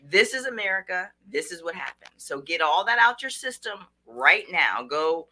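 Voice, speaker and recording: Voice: medium pitch, big pitch swings, moderate pace, sharp tone. A podcast guest giving earnest, instructive advice in a casual conversation.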